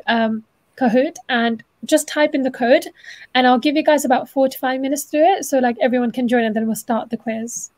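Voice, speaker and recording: A young woman student presents an online dental anatomy session indoors in a small room at home, teaching informally over video call. She is chatty and encouraging and often rephrases, speaking in a high-pitched, darkish voice captured with no room sound.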